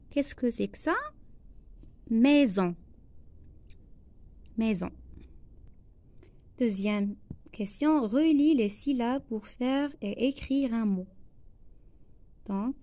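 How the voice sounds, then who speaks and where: A woman teacher with a Moroccan accent, going slowly through a worksheet lesson, repeating each phrase and translating it into Arabic. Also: fairly high pitch, darkish tone, no echo. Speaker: primary school teacher.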